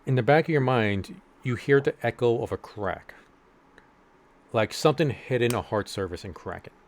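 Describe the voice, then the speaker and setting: A man's voice: medium pitch, normal speed. A man narrating a tabletop game as game master, with lots of fillers and restarts. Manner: hesitant, many fillers and restarts.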